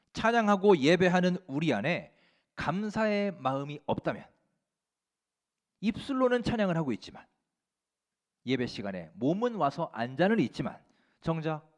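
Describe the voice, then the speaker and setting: A man pastor delivering an earnest Sunday sermon in a church, full of rhetorical questions and exhortation. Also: medium pitch. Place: church sanctuary.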